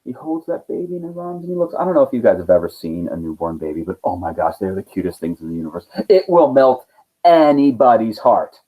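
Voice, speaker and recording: A man's voice: fairly low pitch, sing-song, quick pace. A male teacher telling a story to his students in a playful, casual way with silly asides. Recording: tinny phone-like sound.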